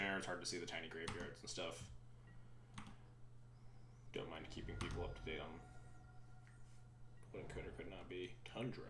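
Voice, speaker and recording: A man's voice: sits low, bright, forceful tone, roomy sound, a little hiss or hum. A man streaming a card game, thinking aloud in rambling, sometimes sarcastic casual commentary.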